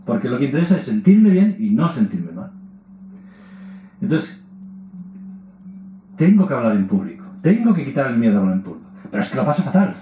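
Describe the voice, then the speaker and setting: A man's voice: mid-range voice, very animated, fairly quick, long pauses, mellow, roomy sound, a little hiss or hum, poor audio. A man giving a lecture, tossing in rhetorical questions and tag words as he explains. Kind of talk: public lecture.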